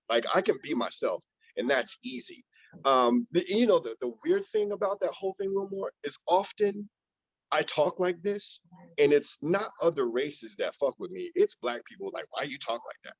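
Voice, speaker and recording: A man speaking as a panel guest in casual discussion, relaxed and often repeating words as he thinks. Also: fairly high pitch, fairly quick, no room sound, muffled recording.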